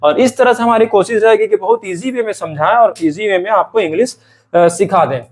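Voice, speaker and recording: A man's voice: sits high, a little fast. A man teaching English grammar, drilling example sentences over and over. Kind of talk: classroom grammar lesson.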